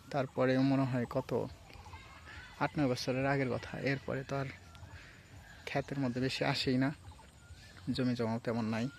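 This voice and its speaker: A man's voice: mid-range voice, slight background noise. A young man from Sirajganj, Bangladesh, with a Sirajganj regional accent, chatting casually and ramblingly outdoors by rice fields. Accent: Sirajganj regional Bengali. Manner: relaxed, rambling, mixes regional and standard speech. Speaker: vlogger. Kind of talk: casual outdoor vlog chat.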